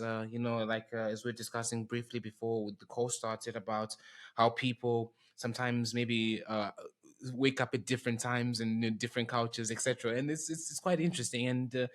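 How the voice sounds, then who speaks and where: Flat-toned young male podcast host. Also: medium pitch. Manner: rambling, repeats "nice". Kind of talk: casual interview. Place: warm-lit room indoors. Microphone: studio microphone on a boom arm with headphones.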